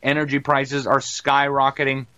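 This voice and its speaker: A man hosting a talk show, delivering rapid, emphatic news commentary and ad reads with many "uh" fillers, calling his listeners "folks.". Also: mid-range voice, completely flat delivery, bright, forceful tone, no echo. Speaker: show host. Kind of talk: fast-talking news commentary and ad read.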